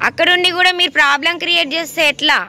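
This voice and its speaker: A woman's voice: very high voice, steady tone, rapid-fire, bright, forceful tone, no room sound. A woman, chatting and teasing her pet dogs in a casual vlog. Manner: teasing, doting talk to dogs.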